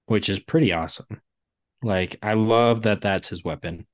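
A man's voice: fairly low pitch, moderate pace, no room sound. A man co-hosting a casual book discussion podcast, rambling with lots of "like" fillers. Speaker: podcast co-host.

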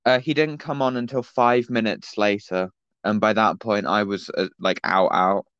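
A man's voice: on the low side, fairly even intonation, normal speed, fairly bright tone, clear, resonant tone, no room sound, dull audio. A teenage man, co-hosting a casual podcast and telling a rambling anecdote with lots of fillers over an online call. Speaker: podcast co-host. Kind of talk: casual chat, storytelling.

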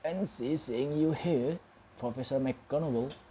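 A man voicing a gentle, amused old male wizard in a storybook reading, speaking slowly and kindly. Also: mid-range voice, slight background noise, lightly acted.

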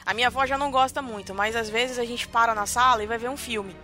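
A young adult woman with a Brazilian Portuguese accent, co-hosting a podcast and telling a story in an animated, dramatic way, full of fillers. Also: a little high, fast talker, soft background music. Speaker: podcast co-host. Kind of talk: casual storytelling chat.

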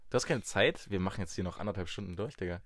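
A man's voice: low voice, quick pace, no echo, clean studio sound. A man co-hosting a casual podcast, teasing his friend with crude banter and mock self-deprecation. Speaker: podcast co-host. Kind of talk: casual chat.

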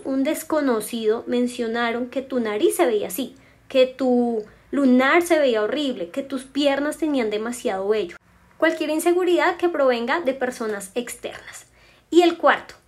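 High-voiced woman coaching her listener. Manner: gentle, coaching, speaks straight to the listener. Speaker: podcast host. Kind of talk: self-help podcast, guiding a written exercise.

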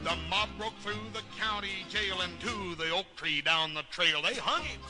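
Brief: male actor as a hearty ranch son, higher voice, folksy drawl, western musical. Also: moderate pace, over music, natural voice. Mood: singing. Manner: folksy drawl, sings comic ballad. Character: big good-natured grown son on a ranch. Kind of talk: old-time western musical episode.

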